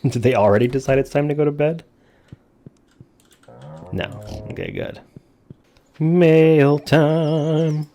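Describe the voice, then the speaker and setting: A man's voice: on the high side, fairly even intonation, takes it slowly, pauses often, mellow. A man hosting a gaming video with casual commentary, speaking informally and jokingly with free use of swearing.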